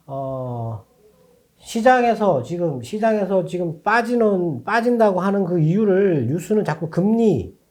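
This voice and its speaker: A man with a warm, dark tone talks through the day's market moves as a finance show analyst. His pitch rises and falls a lot as he reasons aloud, often circling back to restate a phrase before going on.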